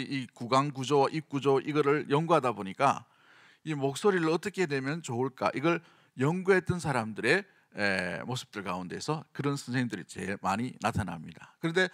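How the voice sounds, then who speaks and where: A man's voice: mid-range voice, a bit bright, no echo, studio quality. A middle-aged man with a Gyeongsang accent preaching a sermon in a conversational way, often asking the congregation questions. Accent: Gyeongsang Korean. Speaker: senior pastor.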